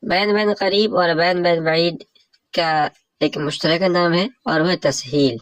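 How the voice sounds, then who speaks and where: A man's voice: on the high side, steady tone, a bit bright, no room sound, rough recording. A man with a Pakistani Urdu accent teaching Arabic morphology in a religious lecture, explaining each rule step by step and glossing a set text.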